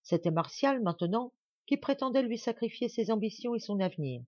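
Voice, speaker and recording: A woman's voice: fairly high pitch, lively intonation, fairly quick, a little mellow, no echo. Brief: woman audiobook narrator, dramatic emphatic reading, dry close sound, slightly lo-fi. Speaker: audiobook reader.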